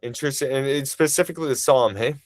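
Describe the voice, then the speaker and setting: A man giving a family history webinar over a video call. He talks fast and casually, with eager restarts and asides. His voice is dry and close, with no room echo. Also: medium pitch. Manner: talks quickly; casual, enthusiastic, many restarts. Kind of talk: webinar presentation.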